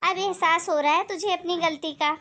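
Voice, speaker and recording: A woman voicing a sharp-tongued older aunt who lectures her neighbor in a blunt, scolding way. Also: very high voice, fairly even intonation, moderate pace.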